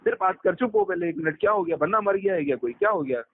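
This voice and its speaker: Over a phone call, a young man with a high voice chats casually and tells anecdotes from his youth in slangy speech, quoting people along the way. He's animated and talks fast, and the recording is dry.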